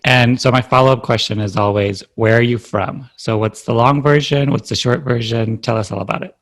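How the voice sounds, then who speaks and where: A man hosting a podcast, asking his guest measured, scripted-sounding interview questions. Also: medium pitch, fairly even intonation. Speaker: podcast host.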